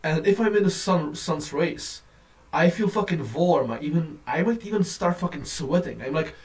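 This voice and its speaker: A man in a casual, profane, rambling rant to camera, on a low-quality phone recording. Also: lively intonation, normal speed, far from the mic. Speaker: vlogger.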